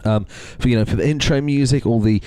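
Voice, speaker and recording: A man's voice: medium pitch, fairly quick, warm tone, clear, resonant tone, no room sound. A young man co-hosting a podcast in casual chat, laid-back and swearing freely. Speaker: podcast co-host.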